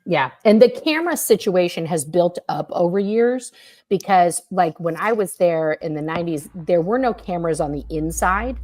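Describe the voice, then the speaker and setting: A woman on a video call, telling her past experiences as a guest in a casual, animated way with fillers and swearing. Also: lowish voice, normal speed. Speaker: guest, former member recounting experiences. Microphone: computer mic on a video call.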